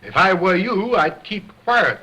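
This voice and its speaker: A man's voice: sits high, sing-song, unhurried, bright, forceful tone, husky, full character voice. An actor playing an egocentric, stern stage ventriloquist who talks in a grandly formal showman's manner, in an old 1929 film. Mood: pompous. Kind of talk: 1920s stage and film acting. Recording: vintage 1929 film soundtrack.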